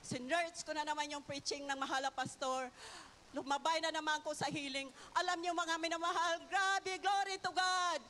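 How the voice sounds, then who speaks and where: An older woman with a high, bright voice gives an impassioned testimony before a church congregation. She keeps addressing her listeners as beloved and breaks into hallelujahs between sentences. Her voice rings with the long reverb of a large hall. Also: fairly even intonation, a little fast, a little hiss or hum. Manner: fervent, repeats "mga minamahal" and hallelujah. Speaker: church member giving testimony. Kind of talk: testimony in a worship service.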